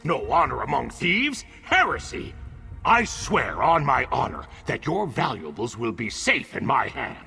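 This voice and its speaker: An emphatic game banker for outlaws. The voice is gravelly and forceful, swinging theatrically in a long hall reverb. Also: male voice, medium pitch, sing-song, a little slow, soft background music, full character voice. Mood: theatrical indignation. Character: theatrical, indignant male banker among outlaws. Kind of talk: video game character acting.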